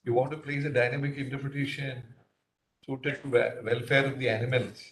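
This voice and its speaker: Indian judge questioning with hesitant fillers. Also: male voice, medium pitch, level tone, a little fast, a bit bright. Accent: Indian English. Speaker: judge on the bench. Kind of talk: courtroom questioning. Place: courtroom. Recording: echoey courtroom audio.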